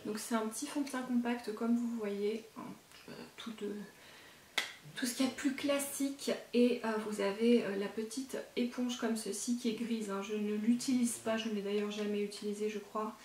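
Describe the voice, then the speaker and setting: A woman's voice: on the high side, fairly even intonation, moderate pace, darkish tone, reverberant, distant mic, slight background noise. A woman beauty vlogger chatting casually to camera about her makeup collection, rambling with lots of fillers and self-corrections.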